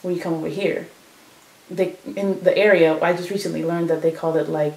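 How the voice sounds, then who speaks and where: A woman's voice: low voice, steady tone, brisk, creaky, a little mellow. Chatty young woman, echoey room. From Chicago, United States. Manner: chatty, full of fillers and quoted dialogue. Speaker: interviewee. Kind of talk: casual oral history interview.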